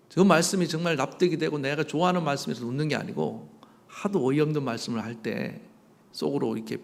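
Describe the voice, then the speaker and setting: A male pastor preaching a sermon, animated, asking the congregation rhetorical questions and acting out quoted voices. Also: on the high side, creaky, in a large hall. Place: church sanctuary.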